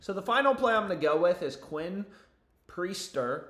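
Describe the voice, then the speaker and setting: This young man's high, expressive voice comes across a bit bright at a moderate pace. He's a livestream host offering betting picks, talking casually with sweary frat-bro slang. The recording has roomy, echoey indoor sound.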